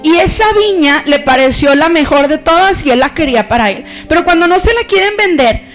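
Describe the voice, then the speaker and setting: Woman pastor, conversational sermon, high voice, faint music behind. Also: a little fast. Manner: animated, conversational, acts out stories.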